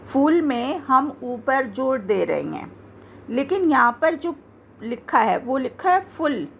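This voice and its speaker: A woman teaching Hindi spelling, slowly and patiently saying each example word again to show how it sounds. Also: sits high, sing-song, creaky, a little hiss or hum. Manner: slow, patient, repeats words to show pronunciation. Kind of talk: explaining grammar to learners.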